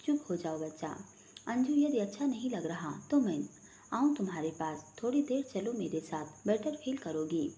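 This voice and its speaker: A woman's voice: mid-range voice, expressive, normal speed, warm tone, close to an everyday voice. A woman reading as a teasing young fiancé. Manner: playful, coaxing, affectionate.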